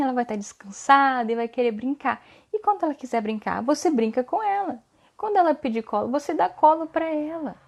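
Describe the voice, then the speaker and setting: A high-pitched woman hosts a casual live stream for mothers. She talks in an earnest, coaching way. She keeps tagging her sentences with a quick "tá?" to check that her listeners are following. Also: gravelly, darkish tone. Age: adult mother. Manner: ends phrases with a questioning "tá?".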